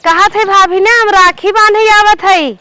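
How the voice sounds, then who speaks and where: A woman with an Awadhi accent acting a meek, tearful married stepdaughter who pleads softly in a family comedy skit. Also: very high voice, steady tone, unhurried, heavily acted. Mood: cheerful. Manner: pleading, soft-spoken.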